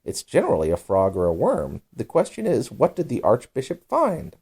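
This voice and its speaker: Man doing a nitpicking duck, storybook voice, raised pitch, insistent, very changeable intonation. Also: wildly swooping pitch, normal speed, darkish tone, breathy edge, full character voice. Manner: interrupting, insistent. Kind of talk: storybook character voice.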